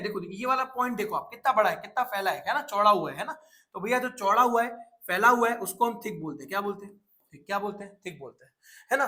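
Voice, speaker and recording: A man's voice: sits high, a bit bright. A young man teaching a school physics lesson, asking questions and answering them himself over and over. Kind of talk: classroom-style physics lesson.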